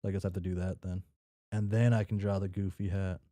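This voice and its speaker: The host of a read-along stream, a man with a low, warm voice, chats casually while drawing and reads a story aloud offhandedly, sometimes stumbling over words. He speaks fast with little pitch movement, and the recording is dry.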